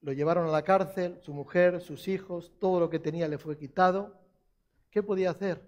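A man's voice: high-pitched, fairly even intonation, moderate pace, a little mellow, dull audio. A man preaching a sermon, repeating key phrases for emphasis and putting questions to the congregation.

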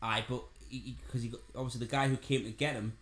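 A man's voice: medium pitch, fairly even intonation, fast, a bit bright. Chatty man, roomy sound. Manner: chatty, repeats himself, frequent "aye". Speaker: podcast co-host. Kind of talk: casual film chat. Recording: roomy echo.

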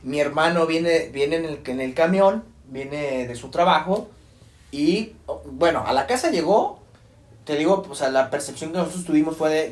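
Young mexican man, rambling storyteller, acts out voices, echoey room. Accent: Mexican Spanish. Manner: rambling, acts out quoted voices with high pitch jumps. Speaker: podcast host telling a scary story. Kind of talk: casual storytelling among friends.

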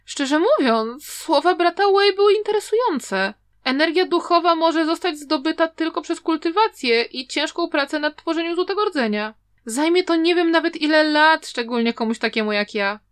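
A chatty young student from a storybook, envious of others and wistful about his own weak talent, as a woman reader plays him. He speaks in a high, light voice with a gossipy lilt. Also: animated, moderate pace. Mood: wistful musing. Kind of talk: audiobook character reading.

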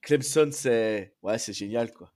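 A man hosting a casual sports fan talk show, slightly hoarse from a cold, talking in a rambling, excitable way and repeating himself. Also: lowish voice, slow pace. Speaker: host.

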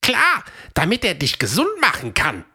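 A woman voicing Fred, a fast, eager male dinosaur runner in a children's audio story, in a high, excited voice. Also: husky, full character voice. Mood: worried.

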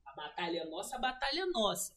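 A woman's voice: medium pitch, quick pace. A woman, a guest telling a personal story in casual slang and acting out the dialogue. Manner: animated, slangy, acts out quoted dialogue. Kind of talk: emotional personal storytelling on a livestream.

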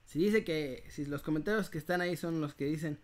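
A man with a Mexican accent hosting a casual live giveaway, speaking to viewers like a playful, animated prize announcer. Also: on the high side, fairly quick. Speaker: host of an online news channel running a live giveaway.

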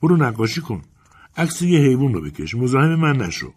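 A man voicing a harried woman animal-keeper in an audiobook, brisk and matter-of-fact, with a husky voice. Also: medium pitch, sing-song, darkish tone, pitched above the performer's own voice. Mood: impatient. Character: tired, harried female animal-keeper and mother.

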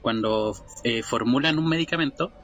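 A man with a Chilean accent in casual chat, explaining a topic in a halting, restarting way. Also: medium pitch, fairly bright tone, faint music behind. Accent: Chilean Spanish.

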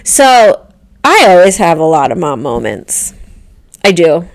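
A woman's voice: on the low side, very animated, a little slow. A woman in her thirties co-hosting a casual podcast, telling everyday mom stories with lots of fillers and restarts. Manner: chatty, storytelling with many fillers and restarts. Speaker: podcast co-host. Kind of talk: casual chat.

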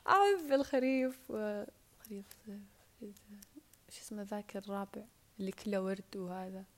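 A woman with a Saudi Arabic accent talks on a casual solo podcast, her medium-pitched voice rambling and rushed and often sinking into whispers. She's recorded on a wired earphone mic.

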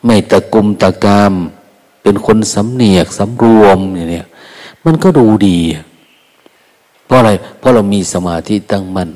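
An older man, a Buddhist monk, giving a soft, unhurried Dharma talk with folksy quoted asides. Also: on the low side. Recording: long hall reverb.

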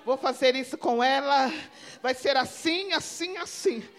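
A woman preacher voicing Jesus in a lowered, hushed tone while telling a testimony in a sermon. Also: measured pace. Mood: gentle urging. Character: Jesus speaking, calm, gentle and insistent.

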